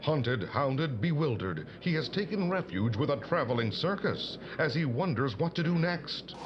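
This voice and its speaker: A dramatic superhero comic narrator, swoopy delivery, bit muffled, music behind. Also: male voice, on the high side, big pitch swings, moderate pace, crowd noise. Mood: portentous. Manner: portentous, dramatic. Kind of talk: scripted narration. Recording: dull sound with music behind.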